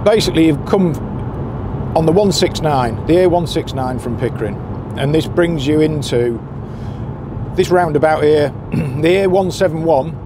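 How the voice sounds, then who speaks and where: Driving along, a man acting as a boat skipper's guide gives anglers practical, chatty directions in casual commentary. His voice is on the high side at normal speed, with car and road noise behind him.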